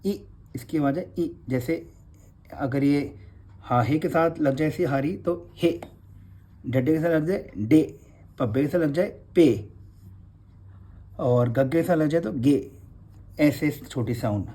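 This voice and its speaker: A man's voice: on the high side, slow pace, pauses often, mellow. A man, teaching Gurmukhi letters in a revision class and patiently repeating each sound.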